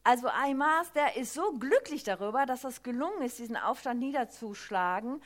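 A woman preaching a sermon, retelling a Bible story in a lively, emphatic way with many small fillers. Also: sits high, brisk.

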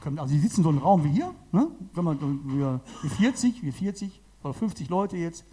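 A man preaching to a gathering of about forty people, his voice mellow and warm yet a touch high. He talks with lively emphasis, circling back to repeat key phrases. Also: fairly quick, breathy edge. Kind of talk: sermon to a congregation.

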